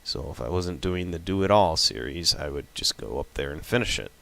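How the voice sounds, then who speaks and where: A man with a sick voice giving relaxed, casual commentary over his own gameplay, thinking aloud as he plays. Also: rumbling low, brisk, creaky. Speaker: gameplay video host.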